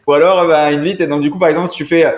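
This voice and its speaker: A man's voice: fairly high pitch, steady tone, racing. Chatty man in an echoey room. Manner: rambling, chatty, many restarts. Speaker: podcast guest. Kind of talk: casual chat. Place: apartment room.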